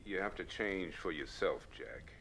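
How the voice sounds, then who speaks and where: Actor as a calm male counselor, low bright voice. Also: measured pace, creaky, a little hiss or hum, heavily acted. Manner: steady, reassuring, gently probing. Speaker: counselor leading a veterans' group.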